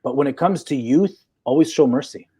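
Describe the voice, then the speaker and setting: A man's voice: on the high side, fairly quick, warm tone, slightly rough. A man in his forties, a psychologist in a live chat, talking assertively and checking in with "okay?" as he explains. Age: 40s. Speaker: guest psychologist.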